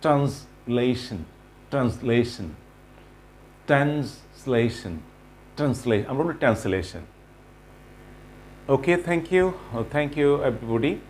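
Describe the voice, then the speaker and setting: A man with a Bengali accent gives a slow, careful pronunciation lesson. He says each word several times in an unhurried, middle-pitched voice. A faint hum runs behind him. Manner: repeats each word slowly, mixing Bengali and English. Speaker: English pronunciation teacher.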